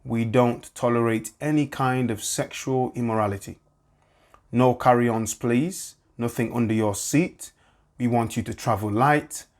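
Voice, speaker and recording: A man with a medium-pitched voice performs scripted spoken word styled as an airline boarding announcement, delivering it in a measured, deliberate, preaching way.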